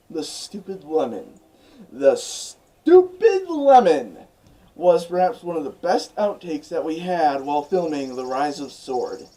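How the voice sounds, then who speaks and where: Animated man telling a story. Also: on the high side, rough recording. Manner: animated, chatty storytelling with frequent "like". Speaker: vlogger. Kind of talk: storytelling vlog.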